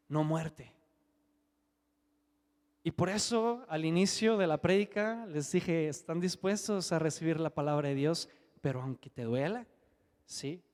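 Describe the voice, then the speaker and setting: A man's voice: fairly high pitch, a little mellow. A man preaching a sermon and telling a personal testimony in an earnest, conversational way, often adding tag questions. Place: church hall. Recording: long church hall reverb.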